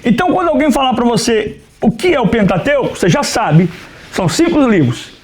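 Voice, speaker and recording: A pastor teaching a Bible class to his students in a lecture style. His voice sits high and swings widely, rising and falling as he asks questions and answers them himself. He keeps telling the class to write notes and now and then turns away from the mic toward the board. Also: expressive, brisk. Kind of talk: classroom lecture on the Old Testament.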